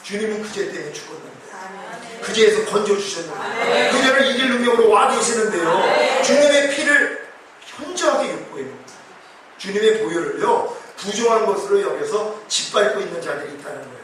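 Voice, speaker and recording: A man's voice: high-pitched, animated, a little fast, background noise. A male pastor preaching an emphatic revival sermon, acting out quoted prayers. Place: church hall. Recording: very echoey hall, distant mic.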